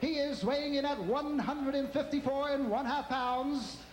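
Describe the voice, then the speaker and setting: A man working as a boxing ring announcer, introducing fighters formally with booming, drawn-out theatrical delivery. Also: a little hiss or hum. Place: boxing ring in a crowded arena. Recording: echoey arena PA, roaring crowd, music.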